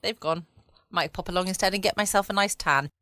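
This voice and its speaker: Quick-paced and forceful, her bright, lowish voice comes through clean studio sound without echo. A southern English woman past her twenties, she hosts a bedtime podcast from a quiet home room and chats playfully, poking fun at herself.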